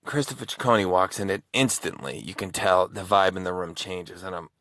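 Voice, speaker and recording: A man's voice: deep voice, moderate pace, a bit bright, no room sound. A man who hosts true crime videos, telling a personal story in a casual, rambling way with many restarts.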